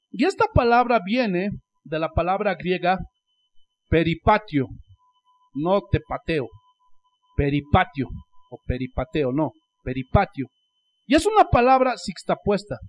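Lively high-voiced Bolivian pastor preaching. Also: male voice. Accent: Bolivian Spanish. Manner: preaching with dramatic swings between loud exclamations and hushed asides; repeats "Gloria a Dios" as a refrain. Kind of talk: sermon.

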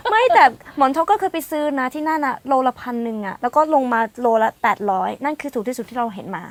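High-voiced, giggly woman co-host. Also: sing-song, quick pace, dry recording. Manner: chatty, laughs often. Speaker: talk show co-host. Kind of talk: casual chat.

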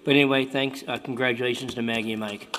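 A man's voice: mid-range voice, fairly even intonation, fast talker, background noise. A man makes casual, good-humored remarks as a council member. His voice sits mid-range for a man. The council chamber gives it a long reverb. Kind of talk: meeting remarks.

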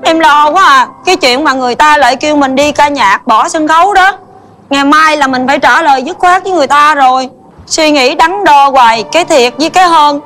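Anxious earnest wife, high and bright, faint music behind. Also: female voice, a little fast. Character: worried wife, small-theater opera performer. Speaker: comedy sketch actor. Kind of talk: stage comedy sketch acting. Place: television studio stage.

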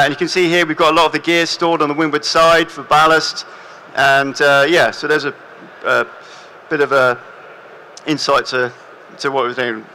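A young man presents on stage in a large hall, chatting through his slides in a relaxed way with plenty of fillers and restarts. His voice is bright and fairly high for a man, with a faint hiss behind it.

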